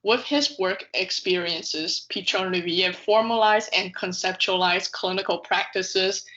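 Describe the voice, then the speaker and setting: Reading her video essay script aloud at a measured pace, a woman speaks carefully and sometimes trips over words. Her voice is lowish and a bit bright, though the audio itself sounds dull.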